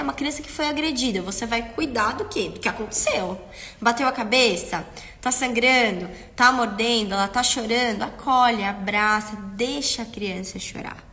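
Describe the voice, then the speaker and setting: A woman's voice: on the high side, sharp tone, in a large hall. A woman hosting a live stream for parents, talking earnestly and often checking in with her listeners. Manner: acts out parents and children in quotes. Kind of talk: instructive live-stream talk.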